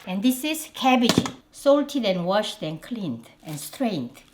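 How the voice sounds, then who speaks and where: A woman's voice: medium pitch, very animated, slow, background noise. A middle-aged woman from Korea with a Korean accent, chatting enthusiastically as she demonstrates a recipe in her home kitchen. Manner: chatty, enthusiastic, simple phrasing. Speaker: cooking show host. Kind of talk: cooking demonstration.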